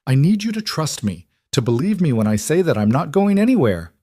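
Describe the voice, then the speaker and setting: A man's voice: mid-range voice, big pitch swings, moderate pace, a little mellow, no room sound, clean studio sound. A man voicing a distraught young woman who pleads and argues with a lover, in a dramatic story reading. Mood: heated. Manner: pleading, heated. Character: distraught young woman, fierce, desperate in love.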